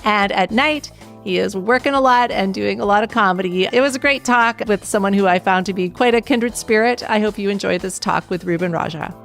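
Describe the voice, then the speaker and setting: A woman's voice: medium pitch, fairly quick, gravelly, a bit bright, faint music behind. A woman hosting an interview podcast, chatty and prone to restarting her sentences. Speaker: podcast host. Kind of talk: casual interview chat.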